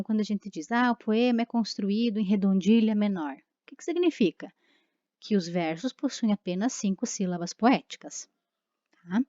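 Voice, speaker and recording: A woman's voice: medium pitch, warm tone, dry recording, dull audio. A woman teacher giving a recorded lesson, explaining step by step with frequent tag questions and fillers.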